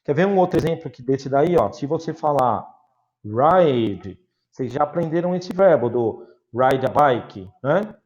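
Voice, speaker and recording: A man's voice: on the high side, lively intonation, normal speed, few pauses, a little mellow, lo-fi sound. A man with a Brazilian Portuguese accent teaching an English class over a video call, explaining patiently with examples.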